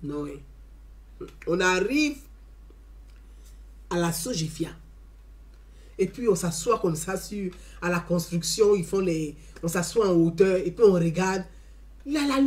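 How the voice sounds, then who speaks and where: A woman telling an animated story as a testimony. She talks emphatically, repeats her phrases and often adds "hein". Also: mid-range voice. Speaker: community member giving a testimony.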